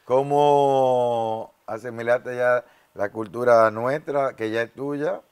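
Young man, faith TV host, smooth clear voice, affirming, studio lapel mic. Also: mid-range voice, fairly even intonation, slow. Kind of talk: faith TV interview. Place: TV studio set.

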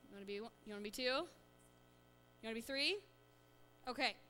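A bright, forward woman with a slightly high voice gives a children's sermon in a church. She keeps the children involved with quick questions and playful prompts. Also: a little hiss or hum. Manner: lively, coaxing children with questions. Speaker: church children's message leader. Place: church sanctuary.

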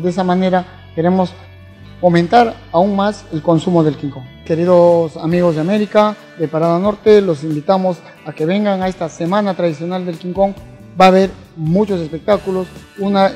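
A middle-aged man with a Peruvian Spanish accent talks into a handheld mic in a formal hall, promoting an event with frequent pauses. His voice is mellow and dark. Faint music sits behind him. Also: high-pitched. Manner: halting, many fillers, promotional. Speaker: event organizer. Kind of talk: on-camera interview. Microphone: handheld station mic.

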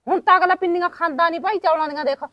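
A woman's voice: very high-pitched, rapid-fire, fairly bright tone, no room sound. An older woman playing a village mother who rambles about old customs and coaxes her sulking daughter in a family short film. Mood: reminiscing. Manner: rambling, reminiscing, coaxing. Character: older village mother, chatty, soothing, nostalgic. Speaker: mother and aunt.

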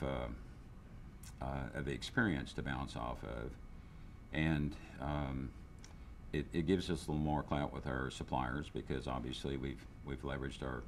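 An older business owner gives a candid interview testimonial while seated in an indoor room, restarting often and using fillers. His voice rumbles low, picked up by a lapel mic with slight background noise.

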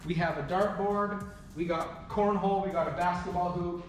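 A man in his thirties giving a relaxed walking tour of his company's warehouse and offices, with frequent fillers. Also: high voice, normal speed, distant mic, a little hiss or hum. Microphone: camera following him, mic at a distance. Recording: echoey rooms, voice a bit off-mic, soft music underneath.

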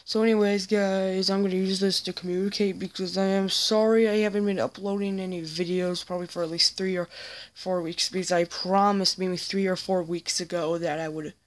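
A woman giving a casual, apologetic vlog update, rambling and halting with many restarts. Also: mid-range voice, steady tone. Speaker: YouTuber.

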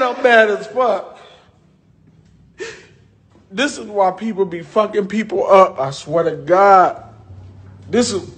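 A man with a strikingly high voice, pouring out a furious, profane rant as a landlord. He lurches between raw shouting and low, bitter muttering, and his voice keeps cracking with tears. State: emotionally overwrought, voice breaking with tears. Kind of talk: angry venting rant.

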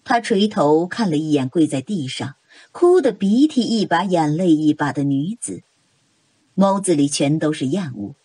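A woman narrates a novel with dramatic, expressive storytelling. Her voice is husky and slightly low, with lively pitch swings. The recording is dry and close. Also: normal speed, no room sound. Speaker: audiobook narrator.

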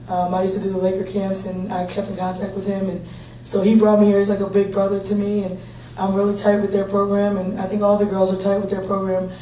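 A head basketball coach, a woman in her thirties, speaks at a post-game press conference with a steady, plain, upbeat manner and a mellow voice of fairly level pitch. Recorded from a table mic via a far-off camera in a large conference room, the sound is echoey with faint hum.

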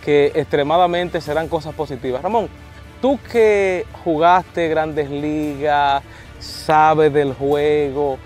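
A man in his thirties with a Dominican accent, interviewing outdoors at a baseball field on a lapel mic, playful and animated. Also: on the high side, takes it slowly, faint music behind. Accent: Dominican Spanish. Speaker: sports reporter and host.

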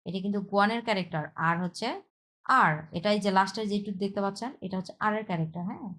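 A woman's voice: medium pitch, rapid-fire, a bit bright. Woman teacher, Bengali, explaining Chinese grammar in a repetitive, step-by-step online lesson. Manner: explains step by step, repeats herself, checks with "হ্যাঁ".

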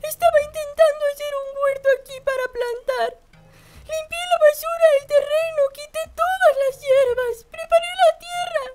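A woman's voice: very high-pitched, moderate pace, a little mellow. A tearful little game girl. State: crying. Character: young girl crying over a ruined garden. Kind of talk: game dialogue. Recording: game audio over music.

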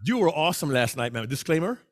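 Man, workshop presenter, very expressive pitch, teaching delivery. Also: fast talker. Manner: animated, acts out voices. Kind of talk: public speaking workshop talk.

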